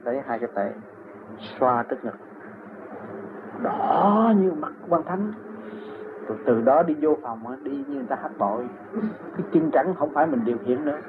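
A man's voice: medium pitch, expressive, moderate pace, long pauses. An older man with a Southern Vietnamese accent, telling long personal stories in an interview and chuckling often as he talks. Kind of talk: rambling personal storytelling. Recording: tinny phone-like recording with faint noise.

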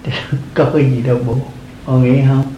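A man's voice: medium pitch, flat delivery, normal speed, roomy sound, dull audio, a little hiss or hum. An older man, a monk, giving an earnest dharma talk to lay followers, repeating his phrases and chuckling often. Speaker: Buddhist monk teaching.

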